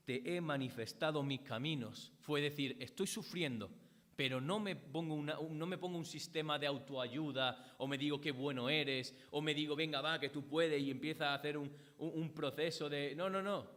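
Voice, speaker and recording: A man's voice: on the high side, fairly bright tone. A man from Spain, with a Spanish accent, preaching a sermon in earnest tones, repeating phrases and quoting scripture. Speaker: pastor. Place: church hall. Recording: long church hall reverb.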